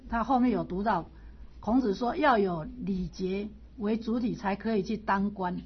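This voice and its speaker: A woman's voice: medium pitch, normal speed, slightly rough, muffled recording. A woman teacher explaining a classical text in a storytelling lecture style, repeating points and chuckling now and then.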